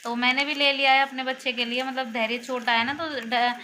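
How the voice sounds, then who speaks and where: A woman's voice: sits high, little pitch movement, fairly quick, pushed and bright. A woman vlogging casually from her family home, chatting and explaining things step by step. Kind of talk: casual home vlog talk. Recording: noisy phone recording at home.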